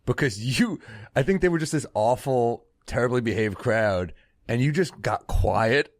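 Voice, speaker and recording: A comedian co-host in a casual podcast chat, telling a story in an earnest, reflective way. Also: male voice, mid-range voice, lively intonation, normal speed, no room sound, studio quality.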